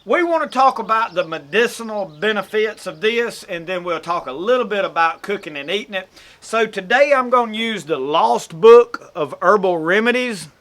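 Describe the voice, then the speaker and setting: A Southern-accented man from Mississippi hosts an outdoors channel and gives a casual how-to explanation in a folksy, rambling way, correcting himself as he goes. His voice is high and a bit bright, with lively intonation at a moderate pace.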